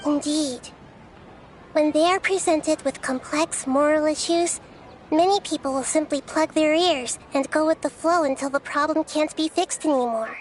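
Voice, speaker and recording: A woman voicing a calm, perceptive young woman in a video game, explaining in a measured way. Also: high-pitched, a little hiss or hum, natural voice, low-quality recording. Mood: analytical.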